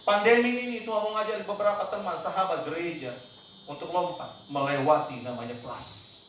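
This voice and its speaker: A man preaching a sermon as pastor, emphatic, tossing in English words and sometimes shouting out quoted cries. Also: high voice, a little fast. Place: church hall. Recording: very echoey church hall, mic at a distance, faint noise.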